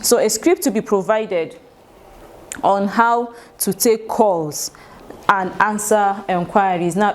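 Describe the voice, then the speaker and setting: A woman's voice: medium pitch, a little mellow. A woman with a Nigerian English accent leading a workplace training session, explaining rules in an instructive way and quizzing the room. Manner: instructive, asks the room questions, acts out sample phone greetings. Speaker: staff trainer.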